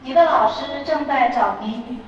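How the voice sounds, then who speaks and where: Female announcer heard over the intercom, formal and measured, boomy and far off. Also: over loud music. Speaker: public address announcer. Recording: distant echoey muffled PA in crowded hall.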